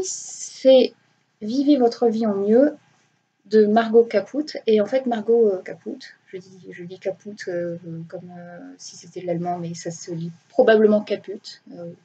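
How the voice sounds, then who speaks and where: A woman's voice: a little high, dark tone, husky, dull audio. A young woman chatting casually about her reading weekend, rambling with many hesitations and self-corrections and poking fun at herself. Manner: self-mocking. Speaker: booktuber.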